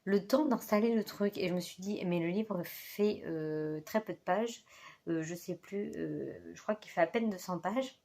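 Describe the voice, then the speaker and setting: A woman's voice: lowish voice, measured pace, a little mellow. A woman talking casually into a phone as a book vlogger, hesitant, with many fillers and self-corrections. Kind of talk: casual chat. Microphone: phone held in hand.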